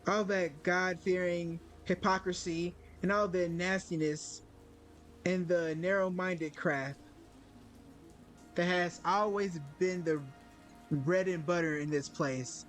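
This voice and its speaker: A man reading aloud the lines of an angry, grieving young woman in a story game, fast and plain. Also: high voice, steady tone, fairly bright tone, faint music behind. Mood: upset. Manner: reads her dialogue aloud fast and plainly.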